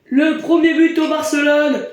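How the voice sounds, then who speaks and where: A man giving excited sports commentary on a football match, shouting and drawing out words at big moments. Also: very high-pitched, measured pace. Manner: shouts and draws out words on big moments, hesitant between them. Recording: very echoey room.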